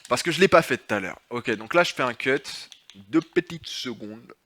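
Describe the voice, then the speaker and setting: A young man in casual gameplay commentary, chatty and jokey as he talks straight to his viewers. His voice sits at an ordinary middle pitch. He bursts into loud, excitable swearing whenever enemies catch him off guard. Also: normal speed. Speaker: gaming YouTuber.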